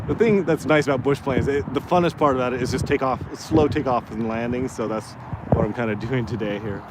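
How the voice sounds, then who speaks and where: A man with a medium-pitched voice talks casually while flying a model plane. His delivery is hesitant and rambling, with trailing pauses. Clear wind and outdoor motor noise sit behind him. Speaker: radio-control plane vlogger. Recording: noisy windy outdoor recording with vehicle sound.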